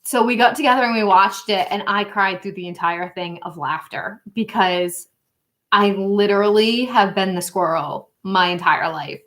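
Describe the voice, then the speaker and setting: A woman hosts a relaxed tarot-reading livestream. She talks in a rambling, chatty way, laughing often and filling pauses with ums and likes. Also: mid-range voice. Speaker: tarot reader and channel host. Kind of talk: casual livestream chat.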